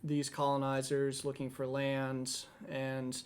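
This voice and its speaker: A man's voice: mid-range voice, slow pace, clean tone. Man co-host explaining history steadily. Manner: explanatory, steady lecturing with occasional restarts. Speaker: podcast co-host.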